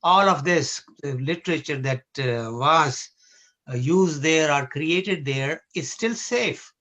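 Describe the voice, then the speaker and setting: A man with a Pakistani accent leading a discussion, explaining in an agreeable, halting way. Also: a little high, lively intonation, pushed and bright. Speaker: discussion leader.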